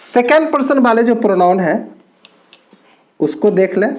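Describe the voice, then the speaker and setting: A man teaching an English grammar lesson, explaining slowly with drawn-out words and repeated points. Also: very high-pitched, expressive, darkish tone.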